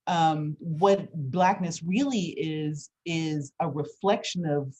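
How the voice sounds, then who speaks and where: Casting: woman interviewer, slightly low voice, reflective, halting, conversational explanations. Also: dark tone, slight background noise.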